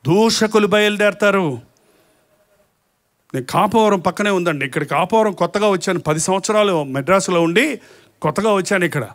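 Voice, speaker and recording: Male pastor, live sermon, very high pitch, rhetorical and mocking. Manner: rhetorical questions to the congregation, with mocking asides; slow, emphatic listing of sins.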